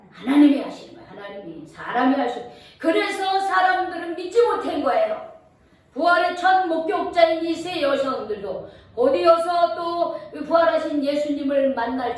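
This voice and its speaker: A woman preaching a sermon, retelling a Bible story and often asking her listeners questions. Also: high-pitched. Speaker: pastor. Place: church. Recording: echoey church hall, far from mic.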